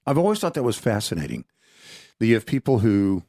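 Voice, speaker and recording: A man's voice: lowish voice, wildly swooping pitch, fairly quick, dark tone, no room sound, studio quality. A man, co-hosting a casual conversation and rambling through his thoughts with frequent restarts. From Texas. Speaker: podcast co-host.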